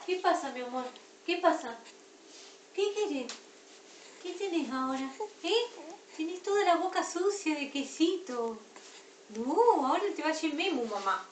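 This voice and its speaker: A mother with an Argentine accent talking to her baby at home, coaxing her sweetly and scolding her gently. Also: high-pitched, animated, measured pace, long pauses. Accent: Argentine Spanish. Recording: roomy, distant, noisy home video.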